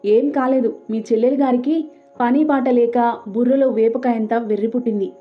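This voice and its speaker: A woman's voice: fairly high pitch, steady tone, moderate pace, faint music behind, close to an everyday voice. Woman voicing a scornful proud husband. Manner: curt and scornful. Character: irritable proud middle-aged husband, a clerk. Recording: tinny phone-like sound.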